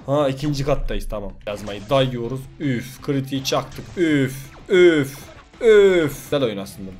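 A man giving loud, joking commentary while playing mobile games. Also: medium pitch, lively intonation, unhurried, soft background music. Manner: loud, jokey, swearing, exclaiming at the game. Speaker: gaming youtuber. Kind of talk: let's play commentary.

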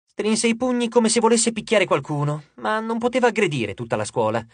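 A man narrating an audiobook in an expressive storytelling manner, close to the mic. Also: high voice, brisk, no echo. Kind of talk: scripted narration.

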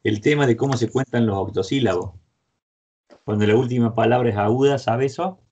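A man's voice: medium pitch, a little fast, dark tone, breathy edge, dull audio. A man giving an online songwriting lesson, explaining verse meter and singing short example lines. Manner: sings short melody lines between spoken explanations. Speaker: guitar and songwriting teacher. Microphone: video call.

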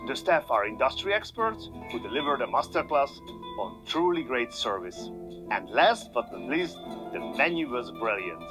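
A man reading a scripted restaurant review, measured and upbeat. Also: medium pitch, big pitch swings, poor audio. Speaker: food video narrator. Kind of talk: scripted narration. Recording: voice-over with music underneath. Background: background music.

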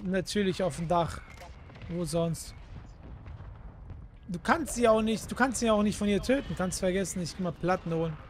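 A man's voice: high voice, normal speed, pauses often, a little hiss or hum. A man, chatting casually and swearing while streaming a game from a close desk mic. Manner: grumbling, swearing, slangy. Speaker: gaming streamer. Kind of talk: casual live gameplay chat. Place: indoor room at a gaming setup. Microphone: desk microphone close up, with headset.

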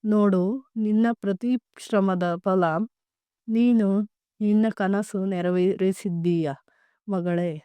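A woman's voice: mid-range voice, steady tone, slow pace, long pauses, dark tone, smooth, no room sound, close to an everyday voice. A woman voicing a caring mother who soothes and reassures her daughter in a storybook tale. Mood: joyful.

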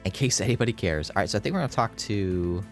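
A man's voice: fairly low pitch, expressive, fast, soft background music. A man casually commenting on his game playthrough, rambling with lots of fillers and restarts in a groggy morning voice. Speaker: let's play host.

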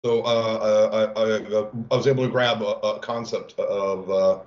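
A man from the game team sharing player stats on a livestream, halting with many fillers. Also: lowish voice, little pitch movement, a little mellow. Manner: halting, many uhs and restarts. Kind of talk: casual livestream chat. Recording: echoey room, dull lo-fi audio.

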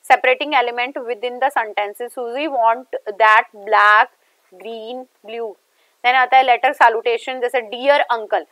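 A woman teacher with an Indian accent, explaining step by step in a lecture that mixes Hindi and English and slowing down whenever she reads English lines aloud. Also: on the high side, fairly bright tone, no room sound. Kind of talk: exam-prep lecture mixing Hindi and English.

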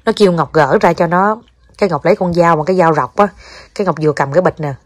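Southern Vietnamese mother, young adult, casual home vlog host, coaxing and chatty, somewhat low-pitched. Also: fast talker, dry recording, clean studio sound. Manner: coaxing, chatty, mixes in English words. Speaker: mother vlogging with her child. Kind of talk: casual family vlog chat. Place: home, indoors.

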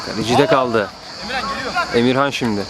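A man doing live play-by-play football commentary, excitable, with calls that rise to drawn-out screams at goals. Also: a crowd in the background. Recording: noisy outdoor pitch, background ambience.

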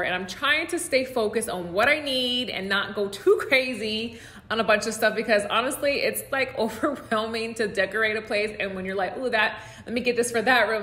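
Talking to camera in a conversational, informal way, this American woman in her thirties vlogs about home decor, sprinkling in plenty of "like" and "you guys." She speaks from a room at home with a fairly high, pushed, bright voice and roomy indoor echo.

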